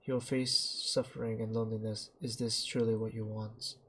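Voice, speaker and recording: Male game player reading text dramatically, creaky and rough-edged, halting delivery, even intonation. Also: lowish voice, slight background noise. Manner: halting, stumbles over words while reading. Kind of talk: dramatic read-aloud narration.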